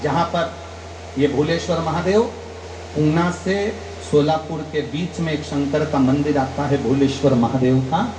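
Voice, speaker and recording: A man, a kathavachak, speaks a little slowly while giving a devotional katha sermon laced with anecdotes. Acting out each story's dialogue, he lifts his pitch emphatically. Expect a roomy sound and a noisy backdrop.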